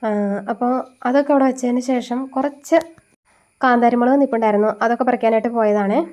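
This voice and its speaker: A woman's voice: a little high, steady tone, fast, darkish tone. A woman in her thirties with a slightly nasal, stuffy voice from a cold, chatting homely and step by step as she cooks for a vlog. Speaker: home cooking vlogger. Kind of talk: casual chat while cooking.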